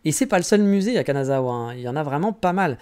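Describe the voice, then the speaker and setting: Speaking quickly and with animation, a Frenchman hosts a podcast where he rambles chattily about travel and pokes fun at himself. His voice runs on the high side, darkish yet clear and resonant.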